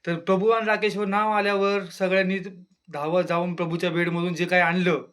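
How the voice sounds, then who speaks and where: A man's voice: little pitch movement, a little fast, fairly bright tone, clear, resonant tone. A man giving a casual, chatty review of a reality show on his channel, with exclamations and speech. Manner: chatty, exclaims, mimics housemates in lowered voice. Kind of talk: casual solo review monologue.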